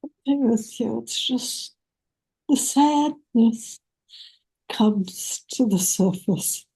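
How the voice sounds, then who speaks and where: A woman's voice: on the high side, animated, slightly rough, poor audio. Tearful older woman on a video call. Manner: soft, tearful, halting. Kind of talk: emotional casual talk.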